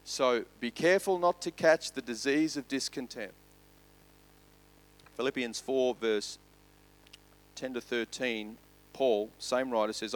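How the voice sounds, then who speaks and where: A man pastor's sermon builds loud and fast through lists, then falls to soft, slow emphasis; his pitch is medium.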